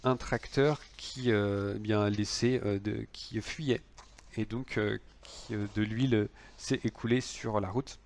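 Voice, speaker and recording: A man's voice: lowish voice, steady tone, takes it slowly, darkish tone, a little hiss or hum. Hesitant man giving a law lecture. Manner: explanatory, hesitant with many fillers and restarts.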